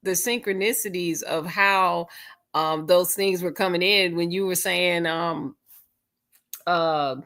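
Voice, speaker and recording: A woman responding on a spiritual group call, casual and full of laughter, using relaxed slang. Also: lowish voice, takes it slowly.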